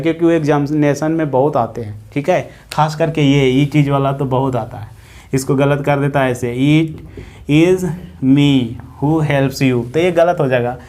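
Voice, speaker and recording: A man teaching a grammar lesson, explaining slowly and repeating examples, often checking in with "theek hai". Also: a little high, darkish tone.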